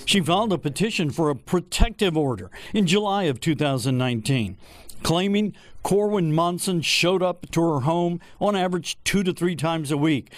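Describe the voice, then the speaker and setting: An American man plays an investigative reporter narrating a scripted TV news report. His broadcast delivery is measured and deliberate, his voice a little high, and there is no echo.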